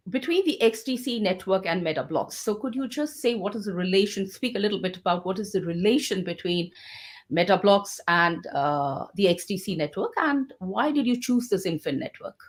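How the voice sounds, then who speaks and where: A woman hosts an interview over a video call. She puts long, winding questions to her guest, reworking them as she goes, at a mid pitch. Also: animated, moderate pace. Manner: asks questions with fillers and restarts. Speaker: host. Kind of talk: online interview hosting.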